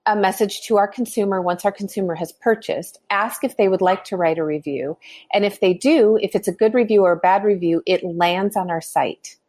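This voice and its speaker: Speaking as a guest on a podcast, a woman in her fifties who founded a skincare company talks earnestly, repeatedly restarting as she explains her perspective. The pitch is fairly low and the tone somewhat dark.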